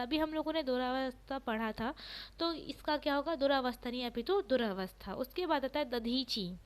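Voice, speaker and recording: High-voiced woman drilling spelling. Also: slight background noise, low-quality recording. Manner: drilling, repeats each answer slowly. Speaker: teacher. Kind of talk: exam-prep spelling lesson.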